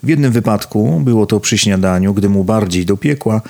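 A man narrating a novel as an audiobook in a measured, even delivery. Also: on the low side, creaky. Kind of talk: scripted narration.

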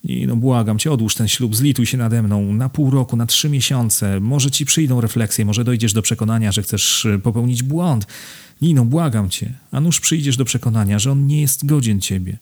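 A man's voice: mid-range voice, normal speed, a little mellow, lightly acted. A man reading aloud and voicing a passionate young woman who begs her friend with rising emotion. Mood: pleading. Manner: imploring, emotional.

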